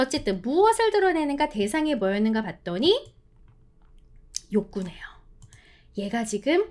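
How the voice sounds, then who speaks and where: A woman teaching an English writing lesson for exam prep, explaining step by step and checking in often with her students. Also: a little high. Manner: lively, explains step by step with frequent check-in questions; slows down to spell out English phrases.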